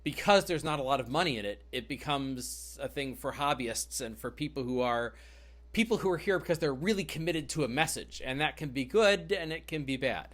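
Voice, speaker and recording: A man hosting a podcast speaks at an ordinary middle pitch. He thinks aloud as he goes, restarting his sentences while working toward a point. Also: animated, brisk, fairly bright tone. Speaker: podcast host. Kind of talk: conversational podcast interview.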